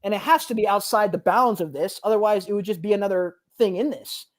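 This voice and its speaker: A young man, a podcast guest, telling a personal story in casual chat, animated and slangy, acting out what people said. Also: high-pitched, quick pace. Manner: animated, slangy, says "bro" often, acts out quotes.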